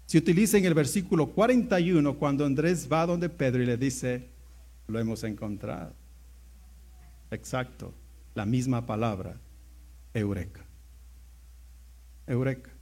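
A man preaching a sermon as pastor, telling a story and swinging between hushed low asides and loud exclamations. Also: normal speed.

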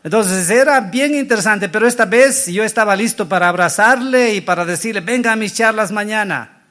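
Male pastor, fairly high voice, earnest sermon storyteller. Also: brisk, bright, forceful tone. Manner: earnest storytelling preacher with frequent self-corrections.

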